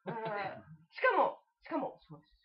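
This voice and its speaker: High, lively woman talk show host. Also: moderate pace. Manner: chatty, exclamatory, laughing often. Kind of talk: live-streamed talk show interview. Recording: dull lo-fi live stream audio.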